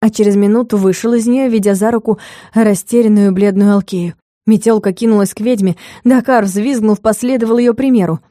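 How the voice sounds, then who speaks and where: A woman narrating a comic fantasy audiobook in a measured, expressive way. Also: mid-range voice, no echo, clean studio sound.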